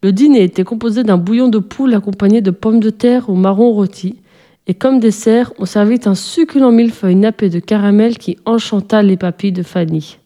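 Mellow-voiced woman reading a story. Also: mid-range voice. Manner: gentle, expressive storytelling. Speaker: narrator.

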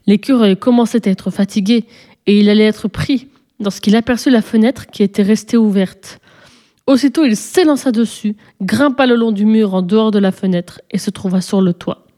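A woman narrating a children's storybook in a calm, even storytelling manner. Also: medium pitch, moderate pace.

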